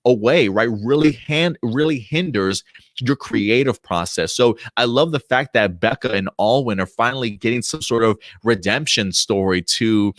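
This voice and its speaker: Reading viewer comments aloud, this man in his late thirties co-hosts a relaxed livestream chat, chatty and prone to fillers and restarts. He's a podcast co-host with a medium, slightly bright voice at normal speed, recorded clean in a studio without room sound.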